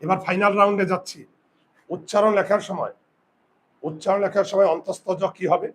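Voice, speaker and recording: A male teacher giving a grammar lesson, asking his students questions and slowly repeating words for them. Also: sits high, steady tone. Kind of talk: classroom lesson.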